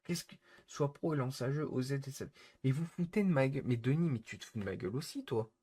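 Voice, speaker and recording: A man talks live to his viewers from a home setup, scolding them and repeating himself as his irritation builds. His voice is somewhat husky, with a middling pitch. He sounds close to a desk mic. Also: a little fast, dark tone. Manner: exasperated, repetitive, scolding viewers. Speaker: streamer. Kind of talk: live-stream rant to chat.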